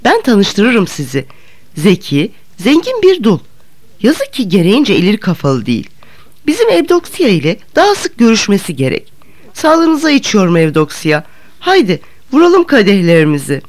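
A woman reading an audiobook, voicing a fawning young man with loud, blustering outbursts. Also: mid-range voice, huge pitch swings, normal speed. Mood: eager.

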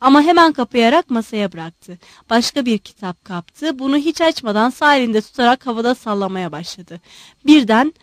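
A woman narrating a literary audiobook in an expressive, measured storytelling manner. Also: a little high, no room sound, clean studio sound.

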